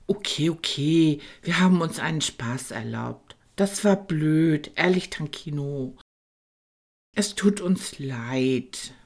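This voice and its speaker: A woman's voice: sits low, expressive, slow, full character voice. A woman voicing a sheepish boy in a children's audiobook, eager and apologetic, who blurts things out. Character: sheepish boy, former dragon hunter.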